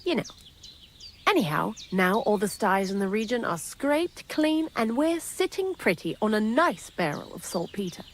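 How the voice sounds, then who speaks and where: A woman's voice: mid-range voice, sing-song, moderate pace, a little hiss or hum, lightly acted. An actress voicing a talkative, sardonic young female thief in video game dialogue. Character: chatty, wry young female thief hiding out. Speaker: miller's thief accomplice in a game.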